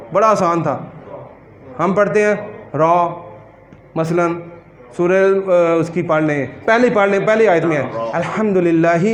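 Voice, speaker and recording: A man teaching a Quran pronunciation class, who questions his students and repeats words slowly to correct them. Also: high voice. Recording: echoey room.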